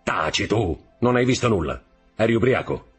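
A man's voice: fairly low pitch, animated, moderate pace, slightly rough, soft background music, pitched above the performer's own voice. A man voicing a scheming, cold-hearted male schemer with a raised, curt, dismissive delivery in a storybook reading.

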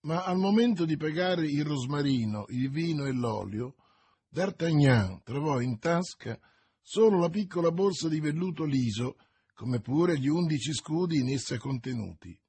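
A man narrating a novel as an audiobook, measured and expressive, with a husky voice. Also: fairly high pitch, no room sound.

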